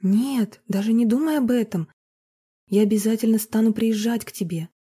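A woman's voice: on the high side, moderate pace, dark tone, slightly rough. A woman voicing Marina, an adult woman holding back her anger in a cold, controlled way, in a read-aloud story. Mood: tender. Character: Marina, a tense adult woman fighting for a foster girl.

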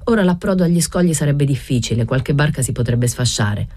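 A woman's voice: extremely low pitch, lively intonation, brisk, warm tone, no echo. A woman reading an audiobook voices a cool-headed male boat master who answers in short, dry commands. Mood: curt. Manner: curt, terse.

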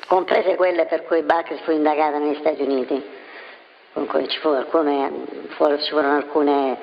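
An anonymous man whose voice is disguised with a deep pitch shift, answering interview questions hesitantly with many fillers and restarts. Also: flat delivery, normal speed, creaky. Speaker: anonymous banker source. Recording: dull lo-fi with faint noise.

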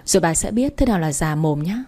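Rebellious teenage boy, sneering, bossy, storybook figure, put on by a woman narrator, husky tone. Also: lowish voice, lively intonation, fast talker, mellow. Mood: defiant.

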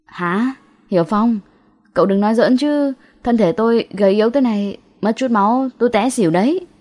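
A plaintive, cowardly young man from a ghost audiobook, acted by a woman. He protests in a raised, whining pitch. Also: normal speed, a little mellow, lightly acted. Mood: whining, reluctant. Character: whiny, reluctant young man, cowardly exorcist's sidekick.

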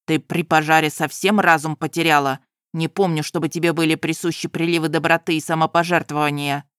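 A woman's voice: steady tone, a little fast, a bit bright, dry recording, clean studio sound. Woman doing a stern young nobleman. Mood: scolding. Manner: scolding, lowered gruff voice. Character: stern young male nobleman, scolding fiancé.

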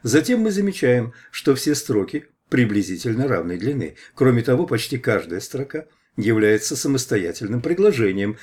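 A man reading a scholarly preface aloud as an audiobook, at a measured pace. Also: mid-range voice, big pitch swings, a little mellow, slightly rough. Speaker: audiobook reader.

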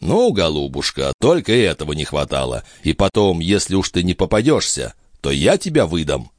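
A worldly old duke talks down with dry irony, as a male narrator acts him out. The voice is low and close, with no room around it. It rises and falls with amused condescension. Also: big pitch swings, moderate pace, no echo. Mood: condescending. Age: older. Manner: ironic, condescending.

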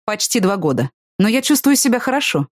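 A woman reading the lines of a calm, protective young man in an audiobook, in a steady, reassuring way. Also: medium pitch, a little fast, no room sound, studio quality, pitched above the performer's own voice, close to an everyday voice.

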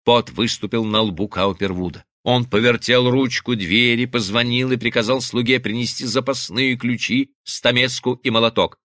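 A man's voice: mid-range voice, steady tone, normal speed, few pauses, a bit bright, no room sound. A man narrating a novel as a scripted audiobook, reading expressively and dramatically into a studio mic.

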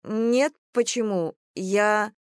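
A reader voicing a meek, flustered young woman who squeaks her lines. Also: very slow, clear, resonant tone, no room sound, studio quality. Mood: timid. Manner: squeaky, breathless.

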